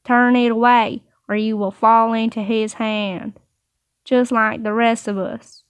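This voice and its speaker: A woman voicing a hulking, scarred stranger who gives a slow, grave warning in a story reading. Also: fairly high pitch, little pitch movement, clear, resonant tone, dry recording. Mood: ominous.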